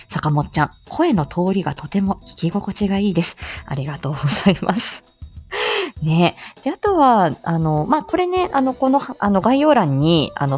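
A woman streamer chatting casually with her viewers, in a calm, low, clearly articulated voice with many filler words. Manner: chatty, frequent fillers, reads viewer comments. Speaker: streamer, voice reader. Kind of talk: casual livestream chat.

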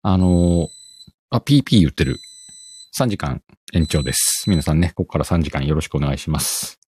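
A middle-aged man with a Kansai accent, hosting a casual solo chat and telling a rambling, animated story. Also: extremely low pitch, normal speed, husky. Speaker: podcast host.

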